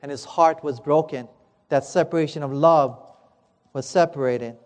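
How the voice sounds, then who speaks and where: A man preaching a sermon, telling a parable in a dramatic, emphatic way and slowing down on key words. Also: on the high side. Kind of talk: sermon storytelling. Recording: echoey hall.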